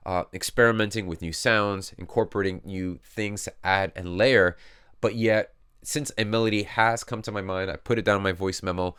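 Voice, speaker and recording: A man's voice: lowish voice, smooth. A man who is a music producer, talking casually through his process as he works. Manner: relaxed, explains as he works. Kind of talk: casual tutorial talk.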